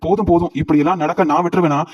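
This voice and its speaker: A man's voice: on the high side, fairly even intonation, rapid-fire, darkish tone, close to an everyday voice. A man voicing a defiant, protective mother who insists and reassures her daughter. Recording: dull lo-fi audio.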